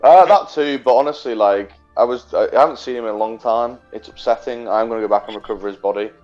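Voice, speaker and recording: A man playing in a tabletop game, speaking in a halting, unsure way. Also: mid-range voice, a little mellow, lo-fi sound, soft background music. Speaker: player. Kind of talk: casual tabletop game chat.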